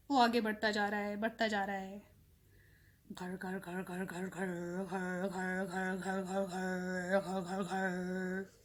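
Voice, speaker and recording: A woman narrating a children's story slowly, repeating phrases and acting out sounds. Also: fairly high pitch. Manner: slow and repetitive, acts out sounds.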